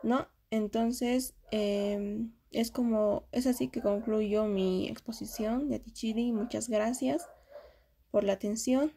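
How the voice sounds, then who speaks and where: A woman giving a spoken lesson presentation, explaining carefully and pausing often with hesitations. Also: a little high, fairly even intonation, vocal fry, mellow, a little hiss or hum. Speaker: student giving a class presentation.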